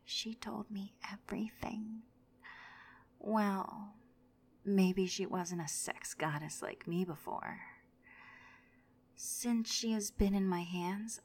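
Woman doing a cruel taunting ex-girlfriend, slow drawl, gravelly husky whisper. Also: lowish voice, darkish tone, full character voice.

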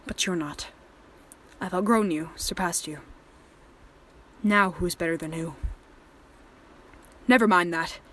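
A woman's voice: medium pitch, slight background noise, lightly acted. A woman voicing a volatile, possessive male killer in an audio drama, speaking in a controlling, threatening manner. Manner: menacing and controlling, soft-spoken then raging. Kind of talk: erotic horror audio drama.

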